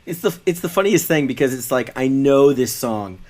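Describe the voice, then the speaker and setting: A man with an average-pitched voice, playing a quiz game with a friend on a podcast. He jokes freely and turns low and theatrical for the lyric readings. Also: animated, normal speed, darkish tone. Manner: playful, jokey, reads lyrics in a low dramatic voice. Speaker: podcast co-host. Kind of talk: casual game chat.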